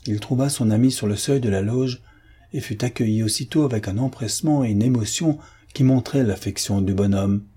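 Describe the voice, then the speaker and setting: A man narrating a classic novel as an audiobook in a steady, measured way. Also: mid-range voice, slightly rough. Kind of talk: scripted narration.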